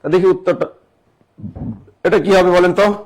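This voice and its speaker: A young adult man teaching a live online exam-prep class, spelling words out slowly, quizzing viewers and reading their comments aloud. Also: high voice, fairly even intonation, a little mellow.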